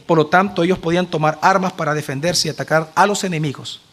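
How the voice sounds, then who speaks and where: A male pastor preaching a sermon, retelling a story with lively acted-out dialogue and questions to the congregation. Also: a little high, fast. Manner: animated storytelling, acting out the characters' lines.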